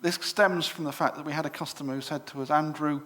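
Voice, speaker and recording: A middle-aged English man giving a live demonstration to a club audience, chatty and full of fillers and quick self-corrections. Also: fairly high pitch, steady tone, a bit bright. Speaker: presenter at a computer club show. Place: exhibition room at a club show.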